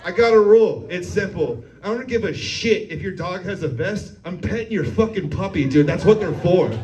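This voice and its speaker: A young man performs a brash, crude stand-up set on a comedy club stage before a live audience, chuckling at his own jokes as he works the crowd. His voice is high-pitched, expressive and darkish, at normal speed. The live club recording is muffled and a bit far from the mic, with faint music and the crowd audible.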